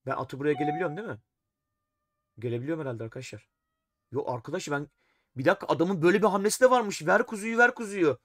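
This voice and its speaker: A man with a slightly high, somewhat bright voice streams a live chess game, talking fast but with long pauses as he thinks aloud. He often sounds exasperated, speaking to himself and his chat, and the audio has no echo.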